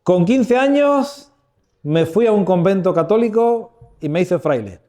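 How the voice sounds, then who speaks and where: This Andalusian preacher in his fifties runs a church workshop, giving a casual, humorous sermon to a live crowd over a handheld or stand mic and often quizzing them. His voice is high and mellow, with lively intonation and an unhurried delivery.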